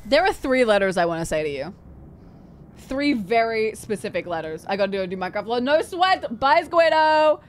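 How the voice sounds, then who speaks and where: A woman's voice: medium pitch, lively intonation, fairly quick, a little hiss or hum. A woman livestreaming a game in a cute, bubbly anime-streamer way, chatting casually and repeating phrases to herself.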